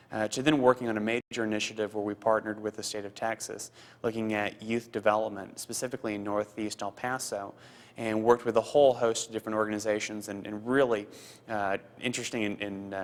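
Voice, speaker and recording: With a voice on the low side, a foundation program officer in his thirties who was raised in Costa Rica answers interview questions in earnest. He halts often, filling gaps and repeating himself.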